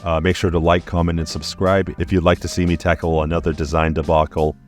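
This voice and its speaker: A man's voice: deep voice, level tone, quick pace, darkish tone, soft background music. A young adult man hosting a comedic video, talking through design ideas with a dry, joking delivery. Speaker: YouTube host. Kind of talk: comedic commentary vlog.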